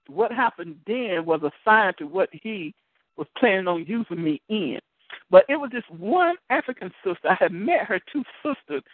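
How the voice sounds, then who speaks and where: A man with a high, very lively voice hosts a call-in deliverance show and tells a caller his testimony. He trips over repeated words as he goes. He comes through a thin, tinny phone line with no room sound. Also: no echo. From United States. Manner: animated storytelling with many word repeats and laughs.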